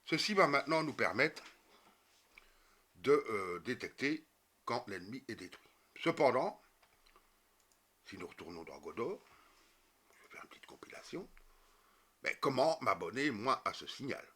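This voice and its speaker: A man's voice: mid-range voice, sing-song, measured pace, pauses often, pushed and bright, husky. A man explaining a coding tutorial step by step, with many fillers and self-corrections. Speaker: programming tutorial teacher. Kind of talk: screen-recorded coding tutorial.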